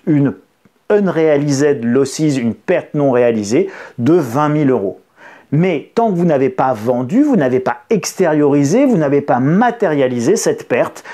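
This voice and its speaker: A man explaining finance to his online audience, lively and expressive, with playful asides and sound effects. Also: a little high. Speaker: economics channel host.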